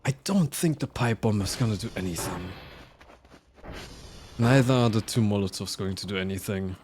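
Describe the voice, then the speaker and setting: Animated male game streamer, faint noise. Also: on the low side, moderate pace. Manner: animated, swearing, laughing at mishaps. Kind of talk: live gaming commentary.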